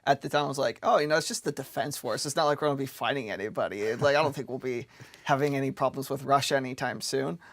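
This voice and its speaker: A man's voice: mid-range voice, quick pace, few pauses, a bit bright, dry recording. A young American man in his twenties, a debate guest telling his story loosely with lots of "like". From United States. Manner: loose, filler-heavy storytelling with frequent "like". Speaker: debate guest supporting conscription. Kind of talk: casual debate chat.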